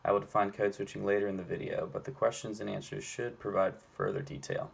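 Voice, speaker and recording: Gravelly young man interviewing. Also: on the low side. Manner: halting, many fillers and restarts. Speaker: student interviewer. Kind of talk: casual student interview.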